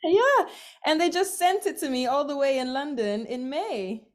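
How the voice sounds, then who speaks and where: A woman guest, a language educator born in Thailand, talking in an animated, laughing way on a video call. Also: normal speed. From born in Thailand, raised in several countries. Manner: animated, laughing, big swings in pitch. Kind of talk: casual conversation.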